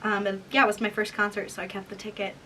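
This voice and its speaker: A woman's voice: medium pitch, level tone, fast, sharp tone. A woman in her twenties chatting casually in a vlog, embarrassed and self-mocking as she reads her old writing aloud. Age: 20s. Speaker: vlogger. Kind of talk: casual vlog chat, reading old diaries. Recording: distant mic with room noise.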